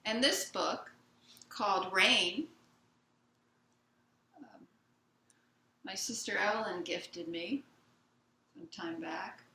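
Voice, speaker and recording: A woman Zen teacher giving a gentle, unhurried dharma talk in a meditation hall, retelling a children's picture book for her listeners. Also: medium pitch, slight background noise. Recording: roomy hall sound.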